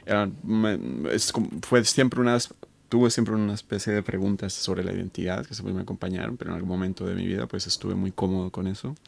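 Deep gravelly man from Colombia. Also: fairly even intonation, a little fast. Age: 30s. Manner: thoughtful, many fillers and restarts. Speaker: guest. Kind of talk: conversational interview.

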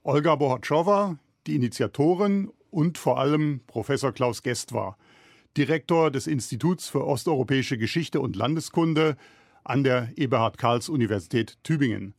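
A man's voice: medium pitch, moderate pace, gravelly, dry recording. A man moderating a history podcast from a studio, opening the show in a friendly, straightforward way. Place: radio studio.

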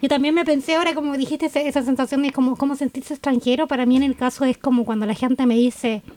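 A Chilean woman hosting a podcast, her voice pitched high. She chats in an animated way and acts out little exchanges as she tells them. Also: fast, no echo. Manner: chatty, animated storytelling. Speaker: podcast host. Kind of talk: casual interview chat.

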